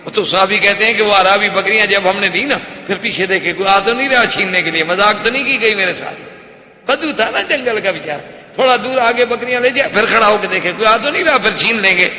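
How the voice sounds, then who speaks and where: A man's voice: high voice, sharp tone. A male religious lecturer giving a storytelling sermon, telling it dramatically and acting out the people in it. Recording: echoey hall.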